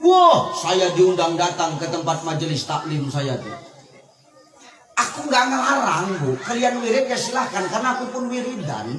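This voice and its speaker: A man's voice: high-pitched, big pitch swings, normal speed, background noise. A man preaching a humorous sermon, telling stories animatedly and acting out voices. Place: religious gathering with a laughing audience. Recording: echoey PA sound from far off, crowd laughing.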